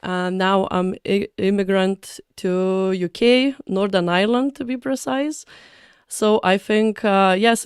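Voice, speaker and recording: A woman's voice: medium pitch, smooth, no echo, clean studio sound. A woman from Lithuania, a native Lithuanian speaker, talking in English as a podcast guest and choosing her words carefully with small fillers. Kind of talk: casual interview talk.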